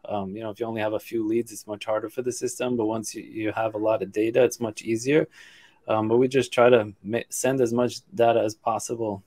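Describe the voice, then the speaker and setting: A man's voice: fairly low pitch, little pitch movement, a little fast, darkish tone. Man explaining steadily with ums. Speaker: guest expert. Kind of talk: casual podcast interview.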